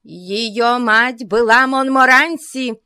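A woman's voice: on the high side, takes it slowly, sharp tone, smooth, no echo, studio quality, pitched above the performer's own voice. Woman doing a shrieking, hysterical rich old spinster. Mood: furious. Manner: shrieking, imperious.

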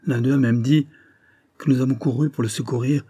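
A man reading a grim young husband who breaks terrible news in a quiet, subdued way. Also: medium pitch, steady tone, fairly quick, breathy edge, lightly acted.

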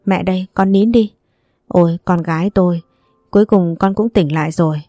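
A woman's voice: fairly low pitch, normal speed, dark tone, dry recording, studio quality, soft background music, lightly acted. Woman reading as a tearful middle-aged mother. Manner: choked, sobbing speech.

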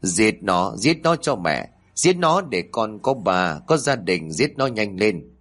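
A man voicing a cruel, frantic woman in a horror story, shrill and sobbing. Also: sing-song, slow, a bit bright, heavily acted. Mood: vicious.

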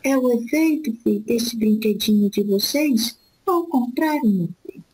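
A woman speaking as an elderly spirit guide in a spiritist session, giving gentle fatherly counsel and calling the listener "my son" after nearly every phrase. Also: on the high side, a little hiss or hum, close to an everyday voice, low-quality recording. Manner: slow, repetitive, soothing advice.

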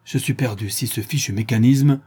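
Man voicing a suave cocky burglar, theatrical, mocking, dark husky voice, audiobook. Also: medium pitch, normal speed, natural voice. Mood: alarmed.

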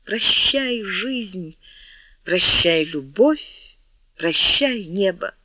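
A woman's voice: medium pitch, lively intonation, drawn-out words, pushed and bright, dry recording, dull audio, pitched above the performer's own voice, full character voice. Reader voicing Maria Mancini, a passionate young woman. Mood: impassioned pleading. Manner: impassioned, pleading, rising to exclamations. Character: young woman, passionate, pleading royal sweetheart.

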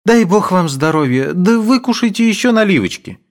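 A man's voice: high-pitched, very animated, moderate pace, pitched above the performer's own voice. A man reading aloud voices a doting elderly mother who fusses over her guests in a coaxing, sing-song way. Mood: fussing hospitable.

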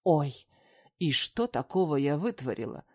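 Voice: medium pitch, big pitch swings, a little mellow, husky, heavily acted. A reader voicing a defiant, sarcastic young heroine in an audiobook. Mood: indignant. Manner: sarcastic, quick to argue. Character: young woman heroine, sharp-tongued and defiant.

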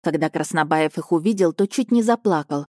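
A woman narrating a children's storybook audiobook in an even, measured way, close to the mic. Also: sits low, dry recording.

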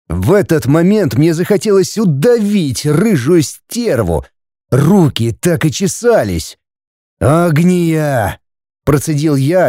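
A man narrates a first-person audiobook with dramatic, expressive delivery. His voice is dark and mellow with a lively, wide-ranging melody, recorded close and very dry. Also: on the high side, no echo.

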